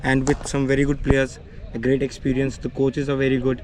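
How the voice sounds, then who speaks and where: A young adult junior cricketer from Srinagar, Kashmir, answers interview questions politely in a Kashmiri accent, often adding "you know." His medium-pitched voice is completely flat and brisk, with clear background ambient noise.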